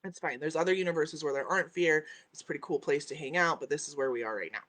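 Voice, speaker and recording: A woman with a deep, fairly bright voice speaks fast as she hosts a spiritual live stream from home, sitting by a window with dogs around the house. She reads out and responds to viewer comments, teaching with emphatic repetition and frequent "right?"s.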